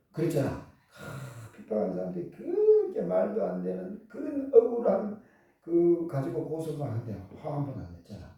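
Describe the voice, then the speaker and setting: A man preaching a sermon, animated, asking rhetorical questions and laughing often. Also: fairly high pitch. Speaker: pastor. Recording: echoey hall, far from the mic.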